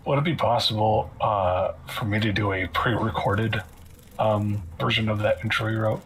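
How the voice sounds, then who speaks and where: A man with a low voice talks in a casual chat as a player in a tabletop game. He speaks hesitantly, halting with fillers. Faint noise sits behind the voice call. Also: steady tone, a bit bright, poor audio.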